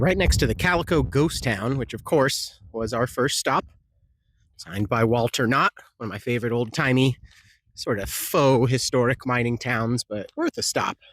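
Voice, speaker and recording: A man's voice: mid-range voice, no echo. A young man hosting a casual travel vlog, talking in a loose, chatty way and getting openly impressed by the sights. His voice sounds dry and close, with little room around it. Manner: relaxed, chatty, easily impressed. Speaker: travel vlogger. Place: desert campsite and caves outdoors.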